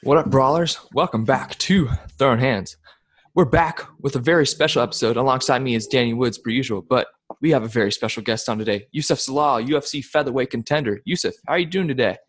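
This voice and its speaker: A man's voice: medium pitch, fast talker. Laid-back male podcast host. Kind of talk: casual interview.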